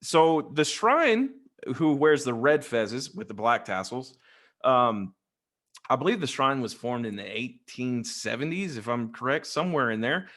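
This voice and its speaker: A man's voice: mid-range voice, lively intonation, measured pace, fairly bright tone. A man, a Freemason guest in a casual interview, rambling and jokey as he tells stories into a desk microphone over a video call. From West Texas.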